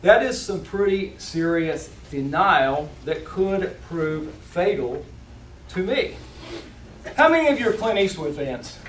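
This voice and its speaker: Higher-pitched man giving a speech, roomy distant recording. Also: animated. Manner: deliberate, emphatic phrasing with dramatic pauses. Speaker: competition public speaker. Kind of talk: rehearsed motivational speech to an audience. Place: indoor room, speaking to a live audience. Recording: roomy, distant mic, faint background noise.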